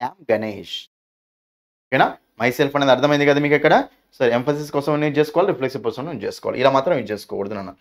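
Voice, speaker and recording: A man, teaching an exam-prep grammar lesson at a quick clip. He repeats each point and keeps asking his students questions, which he answers himself. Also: on the high side. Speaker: English teacher.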